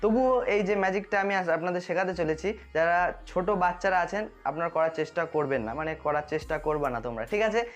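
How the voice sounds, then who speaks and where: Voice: mid-range voice, quick pace, hardly any pauses, soft background music. A magician host explains a tutorial straight to viewers, often checking that they are following.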